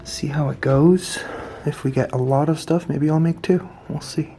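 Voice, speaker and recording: Hushed, mellow-voiced man vlogging. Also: on the high side, fairly even intonation, normal speed, a little hiss or hum. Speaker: paranormal investigation vlogger, host. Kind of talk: casual vlog tour narration. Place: indoors in an old house.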